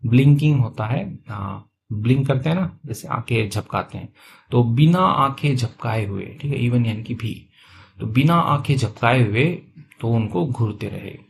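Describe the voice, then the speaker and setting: Hindi-speaking man teaching slowly. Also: mid-range voice, animated, gravelly, a little hiss or hum. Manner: reads English phrases slowly, then explains them quickly in Hindi. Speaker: English teacher. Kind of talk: English lesson explained in Hindi.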